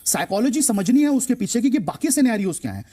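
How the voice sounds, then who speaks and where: Extremely high-pitched, fast, mellow, and sing-song, this man plays a stock market expert on television. He explains things emphatically to the host, hammering home key phrases through repetition.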